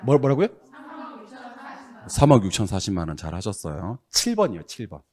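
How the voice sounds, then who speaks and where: Middle-aged male classroom instructor, lowish voice that swings widely, quick to scold and tease. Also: sing-song. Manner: brisk, scolding, teasing, loud bursts of exasperation. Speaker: real estate exam instructor. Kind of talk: classroom lecture drilling students.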